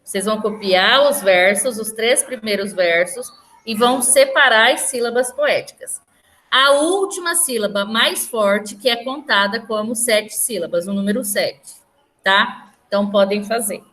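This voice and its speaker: A woman with a Brazilian Portuguese accent teaches a lesson, explaining patiently and often checking that the class is following along. Her voice is on the high side, a little slow, and sounds pushed and bright.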